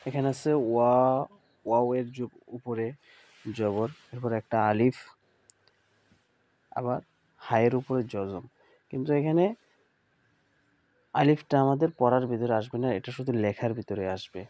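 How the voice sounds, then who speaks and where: Guy giving an online quran reading class, mellow darker voice, slow patient sounding out of each syllable. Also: medium pitch. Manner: uses pious phrases, addresses students as a group.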